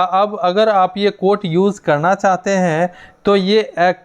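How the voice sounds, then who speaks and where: A young male teacher explaining a poem in a classroom lecture, reading English lines slowly and explaining faster in Hindi. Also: sits high, clear, resonant tone. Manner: slow, deliberate dictation of English lines, quicker Hindi explanation.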